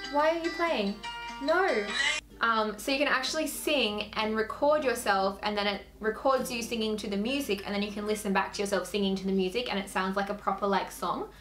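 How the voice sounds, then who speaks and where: A woman's voice: medium pitch, fairly quick, fairly bright tone, faint music behind. Chatty young Australian woman vlogger. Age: 20s. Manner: chatty, filler-heavy with frequent "like". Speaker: YouTuber. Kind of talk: casual Q&A chat to camera.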